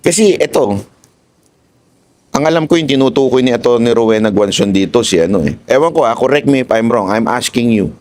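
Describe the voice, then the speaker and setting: A man's voice: medium pitch, animated, brisk, a little mellow, dry recording. A man with a Filipino accent giving casual political commentary, heated and mocking, swearing now and then and switching into English.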